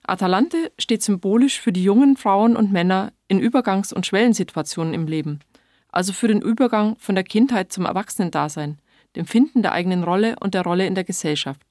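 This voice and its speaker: A woman giving scripted, explanatory narration in a clear manner. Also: mid-range voice, fairly quick, darkish tone, dry recording, clean studio sound.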